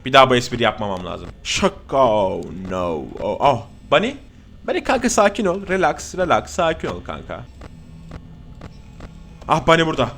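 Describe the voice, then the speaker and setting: Jokey, excitable streamer man. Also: mid-range voice, normal speed, pauses often, a little hiss or hum. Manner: jokey, excitable, swears often, talks to the viewers. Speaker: gaming streamer. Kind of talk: casual horror gameplay commentary.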